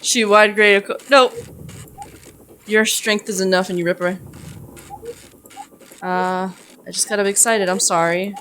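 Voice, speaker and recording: A woman playing a text adventure, reading the game's story aloud and reacting excitedly with laughs and yelps at the scares. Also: mid-range voice, moderate pace, pauses often, a little hiss or hum. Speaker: game streamer. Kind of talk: let's-play commentary and reading game text.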